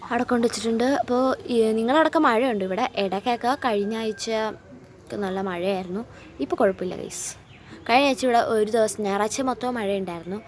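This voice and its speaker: A chatty woman with a fairly high voice talks her viewers through her home garden, filming on a phone outdoors. Faint outdoor noise sits under her voice. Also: fast talker. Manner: chatty, addresses viewers as guys. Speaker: vlogger. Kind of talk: casual vlog walkthrough.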